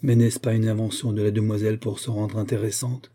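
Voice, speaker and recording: A man's voice: fairly low pitch, little pitch movement, a little fast, mellow, lightly acted. A man voicing a haughty, disbelieving aristocratic mother in an audiobook. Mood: dismissive. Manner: dismissive, disbelieving. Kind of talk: audiobook character voice.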